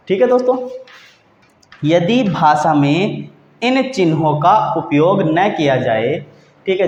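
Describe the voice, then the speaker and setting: A man teaching a grammar lesson, who repeats key points and asks and answers his own questions. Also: fairly high pitch. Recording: roomy, dull lo-fi sound.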